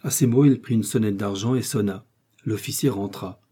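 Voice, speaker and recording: A male audiobook narrator reads in a measured, steady way. His voice is low, mellow and husky. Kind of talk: scripted narration.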